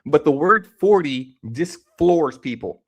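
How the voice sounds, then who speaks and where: A man's voice: a little high, expressive, slow, a bit bright, breathy edge. A man in his forties giving casual, opinionated reaction commentary on a video, rambling and joking as he goes. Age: 40s.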